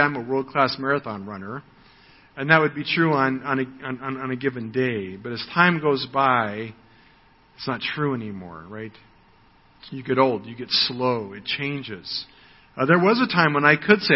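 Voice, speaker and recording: American man in his sixties preaching in a hall. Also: mid-range voice. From United States. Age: 60s. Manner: conversational, frequent "right?", repeats words when starting. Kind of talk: sermon. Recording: dull audio with long hall reverb.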